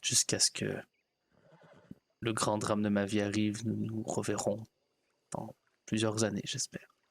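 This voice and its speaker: Man as a soft-hearted frontier pastor, lowish voice, solemn and gentle, role-play. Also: completely flat delivery, measured pace, creaky. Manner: solemn, gentle ceremonial delivery. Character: naive, kindly progressive male frontier preacher.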